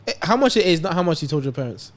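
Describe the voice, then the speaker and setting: A man's voice: on the high side, very animated, racing. A young man, co-hosting a casual chat podcast and teasing his friends with frequent laughter. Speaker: podcast co-host.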